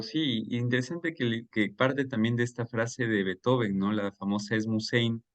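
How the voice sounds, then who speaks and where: A man hosting a reading group, talking in a relaxed, casual way with many rhetorical questions. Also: mid-range voice. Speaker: reading club host. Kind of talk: casual book club discussion over a call.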